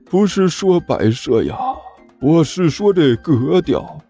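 A man voicing a stubborn, sentimental older male master who speaks slowly and with feeling. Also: on the high side, expressive, mellow, slightly rough, faint music behind, voice pushed up, full character voice. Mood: sentimental, insistent. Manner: slow, drawn-out, emotional.

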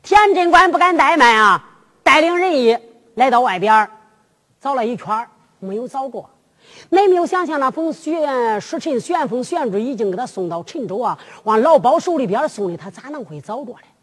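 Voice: sits high, expressive, a bit bright. Drum ballad storyteller, chanty sung narration, echoey hall. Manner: chanting with drawn-out sung lines.

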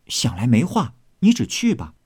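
A man reading aloud voices an eager young maidservant girl who chatters brightly and apologizes quickly, in a storybook reading. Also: medium pitch, wildly swooping pitch, husky, dry recording, clean studio sound, exaggerated voice.

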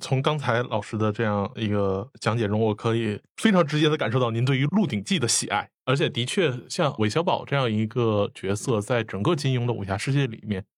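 A man's voice: mid-range voice, no room sound, clean studio sound. A man hosting an interview, asking polite, articulate questions of his guest. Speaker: interviewer host.

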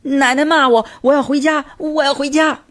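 A man voicing a spoiled little boy who throws tantrums, in a high whiny voice. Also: fairly even intonation, moderate pace, a bit bright.

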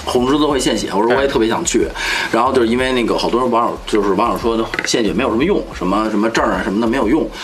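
A man's voice: medium pitch, racing, slight background noise. A man with a Beijing accent hosting a casual chat among friends, colloquial and slangy, often repeating himself. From Beijing, China. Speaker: host of a group talk show.

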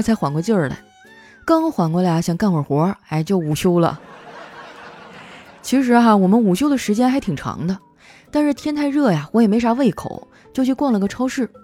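Chatty woman telling office stories, mellow voice, bouncy pitch, faint music behind. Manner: chatty, playful, acts out quoted coworkers. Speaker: host. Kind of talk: comic storytelling monologue.

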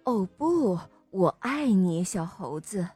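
Grown male monkey parent, voiced by a woman, gentle and reassuring, breathy tone, storybook. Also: medium pitch, sing-song, slow, dry recording, faint music behind, heavily acted. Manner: soft, soothing, reassuring. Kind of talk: children's storybook voice acting.

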